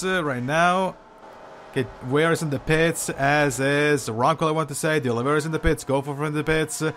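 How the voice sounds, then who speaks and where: A man giving live sim racing commentary, hesitant and full of fillers, unsure of the order and bursting into excitement at incidents. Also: a little high, a little hiss or hum. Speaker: race commentator.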